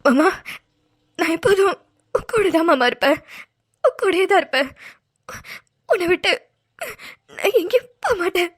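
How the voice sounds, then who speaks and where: A woman voicing a young village wife in a Tamil cartoon, tearful and halting as she hides her husband's injury. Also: very high-pitched, sing-song. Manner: tearful, halting, crying through her words.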